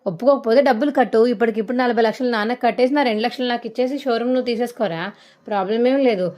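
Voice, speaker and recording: Woman doing a loud, combative young man. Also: on the high side, very fast, natural voice. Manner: loud, taunting.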